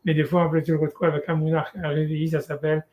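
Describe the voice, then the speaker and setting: Casual, halting male Torah teacher. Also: fairly high pitch, flat delivery, a little mellow. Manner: casual, halting, many restarts and fillers. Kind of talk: informal one-on-one study session.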